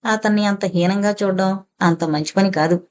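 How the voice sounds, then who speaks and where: A woman's voice: medium pitch, fairly even intonation, normal speed, darkish tone, smooth, close to an everyday voice. A woman voicing a female household attendant who coaxes and reasons with a young woman in an audio novel. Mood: coaxing. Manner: coaxing, reasoning. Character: persuading female household attendant, motherly advisor.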